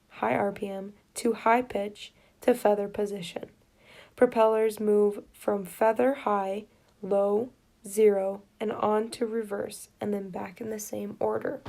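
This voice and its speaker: A woman reading aloud written and oral exam study questions and their answers, in a steady, plain reading manner. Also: mid-range voice.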